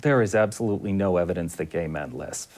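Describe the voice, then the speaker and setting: A man speaking as a speech expert, measured and analytical in an interview. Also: deep voice, a little mellow. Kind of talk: interview explanation.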